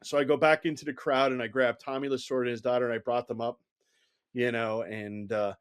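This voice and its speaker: A man's voice: medium pitch, fairly quick, smooth. Middle-aged guy telling stories on an interview podcast, ordinary mid voice, lots of "you know", acts out the quotes. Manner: animated anecdotal telling, heavy use of "you know", acts out quoted dialogue. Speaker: guest, former Secret Service agent. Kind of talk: conversational storytelling interview.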